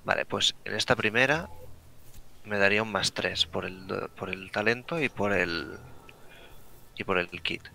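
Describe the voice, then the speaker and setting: Low, gravelly, bright-edged Spanish man. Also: a little slow, long pauses, slight background noise. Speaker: tabletop game player. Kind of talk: casual chat. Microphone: video call.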